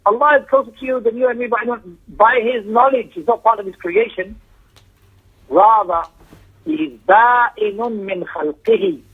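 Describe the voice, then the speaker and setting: A man with a high, slightly rough voice gives an emphatic Islamic lecture at a quick pace, explaining a text with Arabic recitation and quotations and repeating phrases for stress. The audio is tinny and narrow, like a phone recording.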